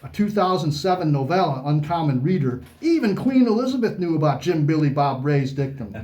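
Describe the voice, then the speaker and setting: A man with a fairly high, lively voice talks at a brisk clip, slightly mellow and close to how he'd normally speak. He co-hosts a book chat while playing a loud, boastful pro-wrestler character who throws around flashy wrestling trash talk.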